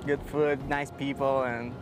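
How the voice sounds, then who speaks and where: A man from Rica, a cinematographer speaking haltingly in a casual interview. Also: medium pitch, little pitch movement, over music. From Costa Rica. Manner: halting, laughs easily.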